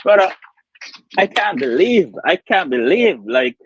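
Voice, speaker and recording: A man's voice: high voice, sing-song, a little slow, slightly rough. A man from Saint Kitts with a Kittitian accent, speaking casually and earnestly as a caller to a talk show, repeating phrases for emphasis. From Saint Kitts and Nevis, Caribbean. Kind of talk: casual opinionated chat. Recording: dull lo-fi call audio.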